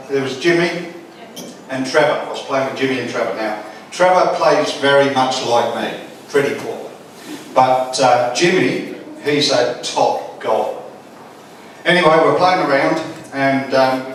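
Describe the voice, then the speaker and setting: A middle-aged Australian man giving an informal father of the bride wedding speech, halting and folksy with dry humour. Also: mid-range voice. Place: large echoey wedding reception room. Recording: echoey hall from far off, faint noise.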